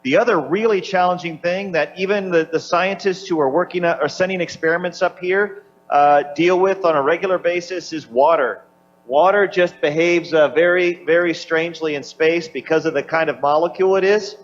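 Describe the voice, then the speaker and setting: A man's voice: fairly high pitch, moderate pace. A man answering questions as an astronaut over a radio downlink, unscripted and searching for his words. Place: aboard a space station. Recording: slightly dull downlink with faint hum.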